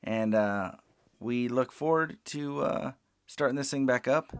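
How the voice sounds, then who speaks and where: A middle-aged man hosting a casual podcast, relaxed and rambling with plenty of fillers, into a close mic. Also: mid-range voice, unhurried, clear, resonant tone, no echo. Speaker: podcast host.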